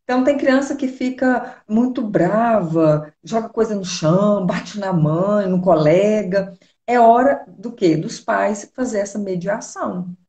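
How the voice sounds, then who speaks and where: A Brazilian woman psychologist calmly explains and gives advice, often asking rhetorical questions. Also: medium pitch, echoey room. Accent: Brazilian Portuguese. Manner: calm, advising, uses rhetorical questions. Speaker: psychologist guest. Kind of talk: explanatory conversation.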